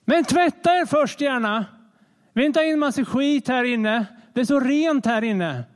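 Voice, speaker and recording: A man's voice: very high-pitched, expressive, voice pushed up. A man mimicking smug, prim churchgoers who call sinners in from a distance in a mocking sing-song. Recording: long reverb of a large hall.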